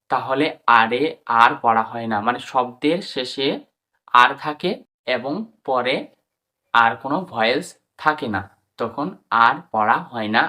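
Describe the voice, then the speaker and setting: A man with a Bengali accent teaching an English pronunciation lesson, spelling out words letter by letter and repeating them slowly. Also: medium pitch, bright, forceful tone.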